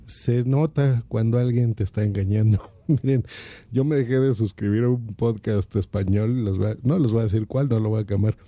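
A man's voice: lowish voice, moderate pace, warm tone, no echo. A Mexican man giving casual podcasting advice, talking into his phone and asking the listener rhetorical questions. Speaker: podcast host.

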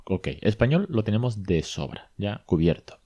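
A man from talks in a deep, mellow voice. He hosts a casual podcast, retelling a consultation with chatty asides. The recording is dry and close. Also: big pitch swings, moderate pace, dry recording. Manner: conversational, retells dialogue, frequent asides and self-corrections. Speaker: podcast host, bilingual parenting consultant.

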